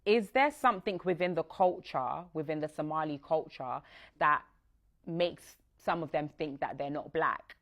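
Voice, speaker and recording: A woman with a low voice interviews guests in a casual style. She asks probing questions and murmurs agreement while they answer. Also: measured pace.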